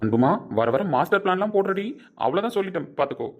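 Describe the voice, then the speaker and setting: A man's voice: high-pitched, lively intonation, rapid-fire, muffled recording, very noisy. A man playing a mock-stern joking husband. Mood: bantering. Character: playful husband bantering with his wife.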